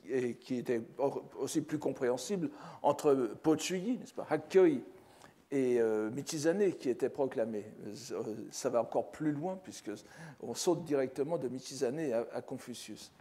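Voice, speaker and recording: An older man giving a scholarly lecture as a professor, measured and careful, often restarting phrases and adding rhetorical asides. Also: mid-range voice, warm tone. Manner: measured, scholarly, with frequent restarts and "n'est-ce pas". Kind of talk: academic lecture. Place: lecture hall.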